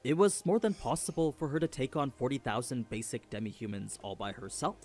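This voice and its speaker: Telling a scripted story recap, a male narrator speaks fairly quickly with a mid-range voice whose pitch swings up and down quite a bit, giving his delivery an animated feel.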